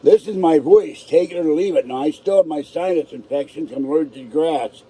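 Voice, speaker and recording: Lisping, toothless man with a dark voice. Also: fairly high pitch, a little fast, husky. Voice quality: toothless speech, tongue hitting roof of mouth; natural lisp. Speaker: livestream host. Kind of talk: casual live stream chat, reading aloud and commenting.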